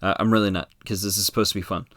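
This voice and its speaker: Low-voiced rambling American podcast host. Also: male voice, racing, no room sound. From United States. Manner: rambling, relaxed, many fillers and restarts. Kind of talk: casual solo podcast chat.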